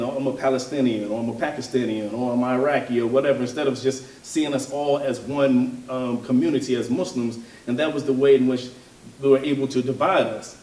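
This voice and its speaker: A man's voice: mid-range voice, darkish tone. Man, reflective community talk, hesitant with fillers, set back from the mic in a roomy space. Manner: thoughtful, hesitant, with frequent fillers and restarts. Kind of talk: informal religious and political talk. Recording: roomy, from a distance.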